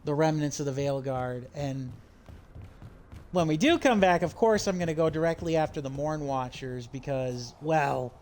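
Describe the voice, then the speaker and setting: Guy game streamer, high smooth voice, takes his time, cheers along casually. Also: normal speed, a little mellow. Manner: enthusiastic, cheering.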